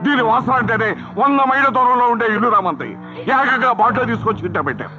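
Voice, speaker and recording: An older man playing a stern father who scolds his grown son in a booming voice. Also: fast talker, full character voice. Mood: scolding. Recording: slightly dull film soundtrack with loud music.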